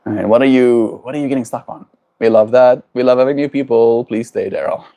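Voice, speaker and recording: Hosting a relaxed livestream, a man from South Africa answers viewers reflectively and often caps his points with tag questions. His mid-range voice is gravelly and warm, and he speaks a little fast.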